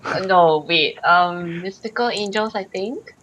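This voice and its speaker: A woman's voice: on the low side, unhurried, a bit bright, rough recording. A woman guest on a gaming podcast, chatting casually and hesitantly, thinking aloud. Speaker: podcast guest, esports player. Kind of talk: casual chat.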